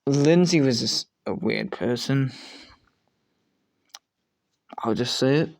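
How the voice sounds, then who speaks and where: A man with a medium-pitched, creaky voice ranks show contestants while making a tier list, talking slowly in casual commentary. He rambles, swears offhandedly, and often trails off and starts his sentences again. There's no room sound.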